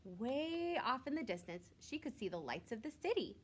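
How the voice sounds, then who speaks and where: In a voice with a breathy edge, a woman reads a children's picture book aloud as a schoolteacher would. Her pitch is lively and swings up and down a lot, and she reads expressively, pausing for simple asides meant for young listeners.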